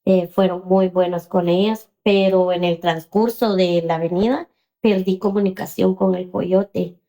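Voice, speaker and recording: A woman, telling her own story in an interview with hesitant pauses and many fillers. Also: fairly low pitch, steady tone, mellow. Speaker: interview guest.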